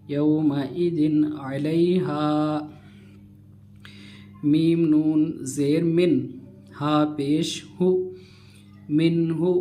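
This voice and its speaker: A man teaching Quran reading. He spells out letters and vowels slowly, then explains the rules quickly. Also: a little high, dark tone. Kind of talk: slow spelled-out recitation lesson.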